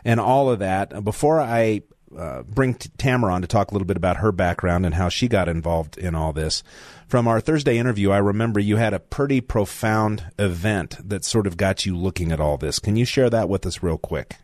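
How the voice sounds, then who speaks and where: A man's voice: lowish voice, brisk, a little mellow, dry recording. An older man guest hosting a talk radio show, chatting in a rambling way with asides. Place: radio studio. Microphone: studio mic.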